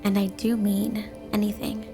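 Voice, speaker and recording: A woman with a medium-pitched, flat voice speaks at a moderate pace, lightly acted, playing a sweet yandere snow woman wife obsessively devoted to the listener in a flirty ASMR roleplay. She sounds doting and eager, her delivery sugary, flirty and clingy. Music plays in the background.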